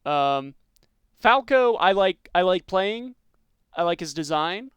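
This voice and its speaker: A man hosting a podcast, chatting in a relaxed way about video game characters with lots of ums and likes. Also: high-pitched, takes it slowly, clean tone, no echo, dull audio. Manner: relaxed, many fillers like um and like. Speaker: podcast host.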